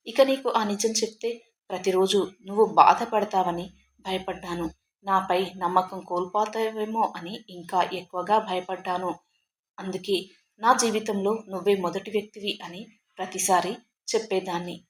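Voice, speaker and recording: A woman voicing an ailing middle-aged wife who speaks quietly in a trembling, tearful voice. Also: medium pitch, steady tone, moderate pace, echoey room, a little hiss or hum, natural voice.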